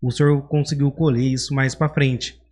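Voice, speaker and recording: A man's voice: mid-range voice, level tone, moderate pace, a little mellow. A man hosting a podcast interview, chiming in to finish his guest's sentences. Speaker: podcast host. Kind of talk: casual interview.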